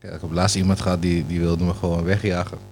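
A man co-hosting a casual podcast, telling stories in a lively way and slipping in English slang. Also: low-pitched, quick pace, slight background noise. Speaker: podcast co-host.

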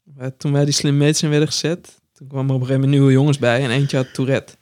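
A man in casual chat, telling animated anecdotes full of acted quotes and laughter. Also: mid-range voice, fast.

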